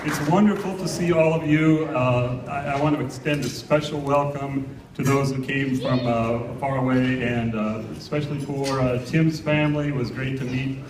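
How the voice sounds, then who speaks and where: A man's voice: mid-range voice, steady tone, moderate pace. A middle-aged American man giving a humorous father of the bride speech at a wedding, in an informal, hesitant storytelling way. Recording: echoey room, distant mic, noisy with clicks.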